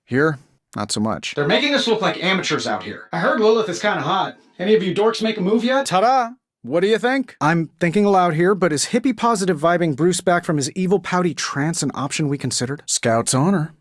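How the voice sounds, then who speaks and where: A man playing a cocky, quick-witted billionaire inventor superhero in a video game, with a glib, sardonic, wisecracking delivery. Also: high voice, expressive, no room sound, studio quality. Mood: upbeat, boastful, then combative, sardonic. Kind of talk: scripted video game voice lines.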